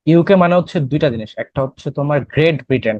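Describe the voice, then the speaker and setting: A man's voice: fairly high pitch, racing, a little mellow, no echo, highs cut off. Young Bangladeshi man teaching English. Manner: explains in Bengali mixed with English, quizzes students. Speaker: admission test English teacher. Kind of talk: classroom lecture.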